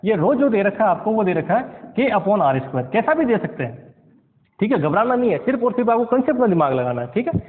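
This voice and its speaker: A man's voice: sits high, sing-song, fast. A man teaching physics in a classroom lecture, often asking his students questions and mixing English terms into his talk. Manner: keeps asking the class questions, checks understanding; mixes English science terms into Hindi. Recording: tinny lo-fi sound with long reverb.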